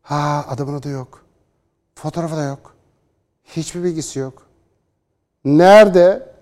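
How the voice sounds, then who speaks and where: A man's voice: fairly high pitch, unhurried. A man giving opinionated solo political commentary, sarcastic and combative, mocking opponents with put-on quotes. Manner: reads news passages aloud in a flatter tone.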